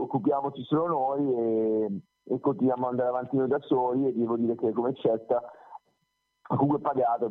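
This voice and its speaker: A man who sings in a band answers interview questions over a phone call, talking in a loose, rambling way and correcting himself as he goes. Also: medium pitch. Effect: heard over a phone call. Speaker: singer of a band, interview guest. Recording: tinny phone line.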